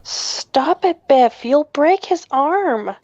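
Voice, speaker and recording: A frightened teenage girl pleads in a shrill, squeaking falsetto, as a man puts her on. The voice sits very high and each line crawls out slowly and deliberately. The sound is close and dry, with a dull, muffled top end. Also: lively intonation, darkish tone, no room sound, exaggerated voice. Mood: desperate.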